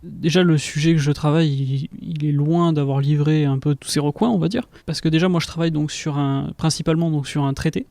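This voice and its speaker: A young man, a junior researcher, explaining his work in an interview in a measured, slightly hesitant way. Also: a little high, dark tone, no room sound. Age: young adult. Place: research institute room.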